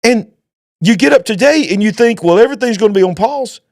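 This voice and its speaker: A man's voice: high voice, animated, brisk, dry recording, clean studio sound. A man, a pastor and show host giving emphatic, preacher-like commentary. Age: 50s. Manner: emphatic, preacher-like, rising to exclaim. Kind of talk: opinionated commentary.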